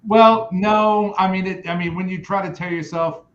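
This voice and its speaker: On a remote call, a male podcast guest chats casually, rambling and cutting himself off as he tells stories. His voice is high-pitched, with fairly even intonation and a moderate pace. The audio is echoey and muffled, with crowd noise behind him.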